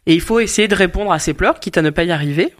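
Fast-talking, plain-spoken French woman expert. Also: on the low side. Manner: blunt, familiar, colloquial. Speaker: midwife or women's health expert guest. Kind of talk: casual expert advice.

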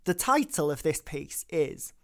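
A woman's voice: deep voice, sing-song, measured pace. Sweary, chatty woman podcaster. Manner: chatty, sweary, laughs easily, lots of fillers. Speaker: podcast co-host. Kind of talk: casual political chat podcast.

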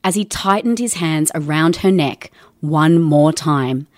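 Low-voiced woman narrating a documentary. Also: a little slow, darkish tone, no echo. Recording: dry studio sound with faint music.

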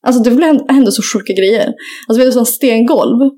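A woman's voice: a little high, warm tone. A young woman in casual chat, telling a rambling story full of fillers and casual swearing. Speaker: podcast co-host.

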